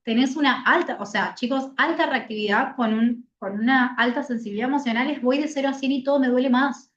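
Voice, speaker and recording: Lively Rioplatense woman lecturing online. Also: sits high, brisk, roomy sound, muffled recording. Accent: Rioplatense Spanish. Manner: lively, talks straight to students with questions and acted examples. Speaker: therapist teaching a class.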